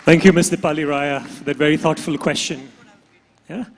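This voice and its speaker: A man's voice: a little high, fairly even intonation, moderate pace, a faint crowd, a little hiss or hum. A man with an Indian accent hosting a live pageant on stage. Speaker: pageant host. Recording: long hall reverb from stage PA.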